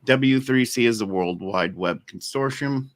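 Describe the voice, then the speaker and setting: A man's voice: medium pitch, unhurried. A man, an accessibility expert, explaining standards as a guest on a live stream, hesitant with fillers. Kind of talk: casual chat on a live stream.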